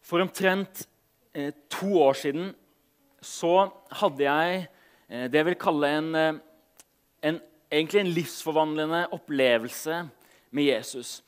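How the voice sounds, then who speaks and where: A man's voice: on the high side, clear, resonant tone. Man preaching, voice fading at phrase ends. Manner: phrase endings trail off softly; casual, hesitant asides between readings. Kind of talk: sermon with Bible reading.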